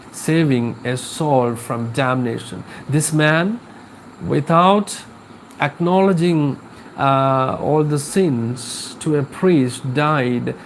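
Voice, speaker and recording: A man's voice: mid-range voice, slight background noise, poor audio. A man teaching an English class live, explaining a poem with repetition and questions to his students.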